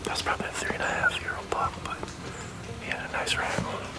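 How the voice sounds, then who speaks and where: Man whispering from a cold deer stand. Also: quick pace. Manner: hushed excited whisper. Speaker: hunter filming his own hunt. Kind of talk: whispered hunting commentary.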